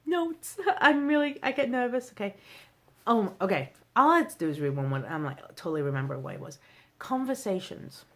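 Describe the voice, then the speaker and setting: A middle-aged woman vlogging an excited motivational recap, emphatic and self-deprecating, laughing often and dropping to near-whispers. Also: mid-range voice, fairly quick. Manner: bubbly and emphatic, swings between loud bursts and near-whispers. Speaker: social media vlogger.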